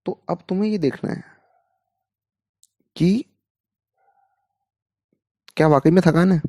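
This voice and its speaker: Man giving a mellow, dry motivational talk. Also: sits high, slow pace, no room sound. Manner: explains with rhetorical questions, Hindi mixed with English terms. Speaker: mentor to exam students.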